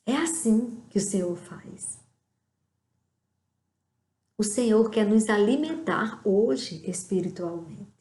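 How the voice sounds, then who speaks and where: A woman preaching a devotional sermon, acting out prayers and conversations in a softer, quieter voice. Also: mid-range voice, lively intonation, slow, pauses often, echoey room. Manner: acts out prayers and dialogues in softer quiet tones.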